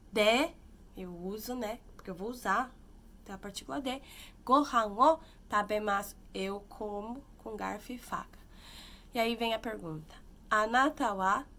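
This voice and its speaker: A woman teaching a Japanese lesson in Portuguese, explaining step by step, repeating phrases slowly and loudly, often checking in with tag questions. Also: medium pitch. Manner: frequent "né?" and "tá bom?" tag questions. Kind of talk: online language lesson.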